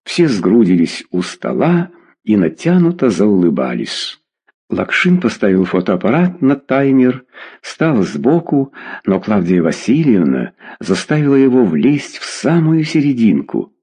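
A male audiobook narrator with a low, husky voice and a dark, mellow tone. His delivery is expressive, with a lively melody running through the prose. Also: a little slow.

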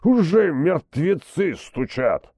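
A man's voice: lowish voice, very animated, extremely slow, darkish tone, dry recording, heavily acted. A man voicing a drunk, frightened male morgue watchman who slurs his words. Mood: drunk, scared. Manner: slurred tongue.

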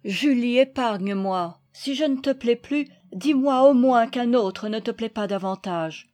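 Woman reading a heartbroken young guy begging his love, slow and pained, voice sits a bit high. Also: a little mellow, lightly acted. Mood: anguished. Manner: passionate, anguished pleading. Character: desperate young man pleading with his beloved.

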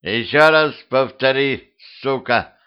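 A man voicing Petrovich, a gruff, grumpy male cemetery watchman who growls threats. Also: low voice, animated, a little slow, dull audio. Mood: grumbling.

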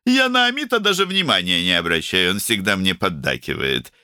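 A man's voice: medium pitch, sing-song, measured pace, pushed and bright, no echo, clean studio sound, voice pushed up. A man voicing an outspoken middle-aged woman doctor who talks emphatically and teases. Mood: emphatic. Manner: emphatic, scolding, teasing.

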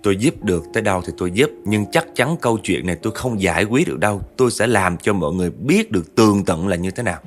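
A man's voice: fairly low pitch, animated, fast talker, hardly any pauses, soft background music. A man voicing a weary village shaman, speaking in a solemn, matter-of-fact way. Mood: grave. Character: grave male village shaman, weary and resigned.

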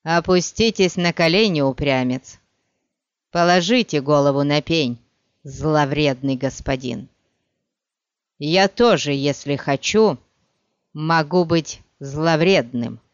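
A man voicing a grim, gruff male executioner in an audiobook, speaking slowly and heavily, in a slightly dull, dry recording. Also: fairly high pitch, no echo, voice pushed down. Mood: menacing. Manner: slow, heavy, sullen delivery.

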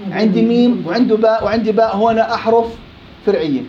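A man teaching a tajweed lesson on Quran recitation. He drawls sample words slowly, repeats them, and quizzes the class. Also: high voice, a crowd in the background. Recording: dull lo-fi with faint background noise.

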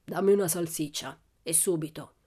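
A woman voicing a brutish, bullying man who shouts and growls threats, in a radio story reading. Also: deep voice, normal speed. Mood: growling, threatening.

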